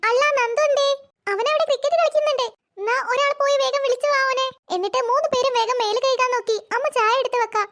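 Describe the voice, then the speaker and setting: A woman's voice: very high voice, steady tone, quick pace, a bit bright. Woman doing a scolding cartoon mother. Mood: bustling. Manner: scolding, bustling. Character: busy scolding mother of three. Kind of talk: cartoon voice acting.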